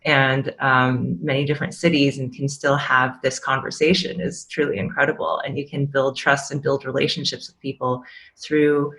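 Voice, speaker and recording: A woman's voice: a bass voice, level tone, normal speed, fairly bright tone. A woman, a startup CEO on an online panel, speaking in an articulate, reflective way. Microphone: video call.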